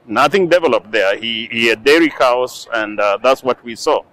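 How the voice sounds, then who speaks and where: A man's voice: medium pitch, a bit bright. Kenyan-born man in his sixties reminiscing. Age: 60s. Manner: measured, reflective storytelling with frequent fillers. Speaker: interview guest, scientist. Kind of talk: relaxed conversational interview. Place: outdoors on a lawn in front of a building.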